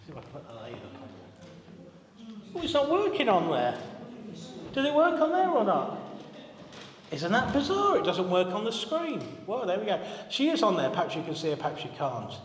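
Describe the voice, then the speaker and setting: Chatty, higher-voiced man preaching in a hall. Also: huge pitch swings, normal speed, pauses often. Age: 40s. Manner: chatty, humorous storytelling, asks the congregation questions. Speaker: minister. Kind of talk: sermon. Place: church hall. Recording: echoey hall, long reverb.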